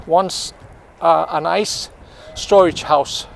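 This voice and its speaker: A man's voice: a little high, steady tone, slow, creaky, slight background noise. A man giving a live-streamed walking tour. He is sniffly from the cold and talks in a chatty way, greeting viewers by name and searching for words. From Iceland. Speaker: tour guide. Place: outdoors by a city pond in winter wind.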